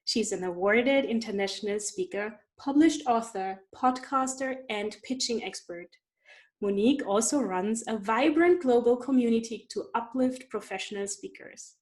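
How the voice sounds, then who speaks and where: A woman hosts an interview podcast, opening with a polished, scripted introduction of her guest. Her voice is somewhat high, and she moves from the read intro into easy questions. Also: moderate pace. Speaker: podcast host. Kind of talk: interview hosting.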